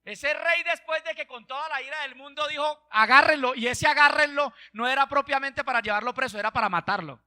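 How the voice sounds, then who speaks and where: A man's voice: very high voice, fast, hardly any pauses, pushed and bright, dry recording. A male pastor, preaching an emphatic call-and-response sermon.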